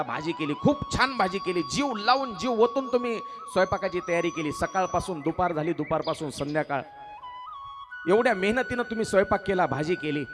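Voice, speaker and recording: High-voiced preacher exhorting his crowd. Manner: exhorting, questions the audience and answers; breaks into song at story climaxes. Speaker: kirtan preacher and storyteller. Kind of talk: devotional sermon with storytelling.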